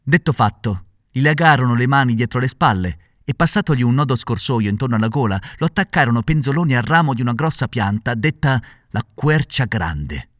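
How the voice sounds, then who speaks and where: A man narrating a classic children's story aloud with expressive, dramatic reading. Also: mid-range voice, fairly quick, few pauses, no room sound, studio quality.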